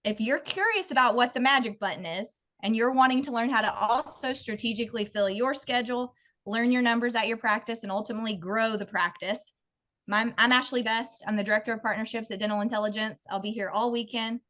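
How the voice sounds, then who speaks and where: A woman in a partnerships role gives a playful, theatrical sponsor pitch. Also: a little fast, a bit bright. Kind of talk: rehearsed pitch with jokes.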